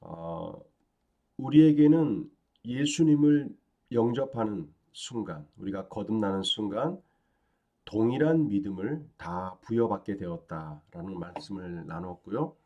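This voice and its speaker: A man as pastor giving a daily devotional sermon, calm and teaching, with frequent fillers and rising emphasis on key phrases. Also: on the low side, measured pace, highs cut off.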